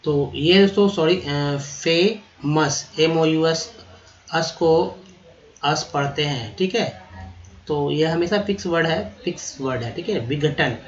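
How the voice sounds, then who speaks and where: A man teaching vocabulary, spelling words out letter by letter, repeating them slowly and calling his viewers friends. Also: on the high side, muffled recording. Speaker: English teacher. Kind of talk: vocabulary lesson.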